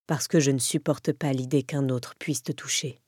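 A woman voicing a brooding young male biker in an audiobook, low and husky with a gruff, teasing manner. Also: fairly even intonation, normal speed, a little mellow, no room sound, studio quality. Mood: husky, intense. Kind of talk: audiobook character voice.

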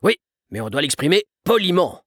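A man playing a fussy, moralizing father who speaks in an emphatic, lecturing way, a little higher than his own voice. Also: wildly swooping pitch, moderate pace, husky, dry recording, studio quality, heavily acted.

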